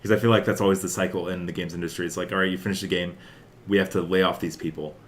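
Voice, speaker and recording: A young male podcast host rambles through casual chat about video game news, peppering his talk with "like" and "uh" and plenty of other filler words. His voice sits low with fairly even intonation, delivered rapid-fire, and there's a little hiss or hum.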